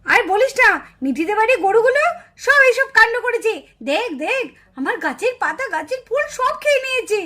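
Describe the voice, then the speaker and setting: A woman doing a shrill, furious village mother. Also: expressive, brisk, full character voice. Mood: indignant. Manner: scolding, shouting, complaining loudly. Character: shrill quarrelsome village mother, easily enraged. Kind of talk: doll-show voice acting.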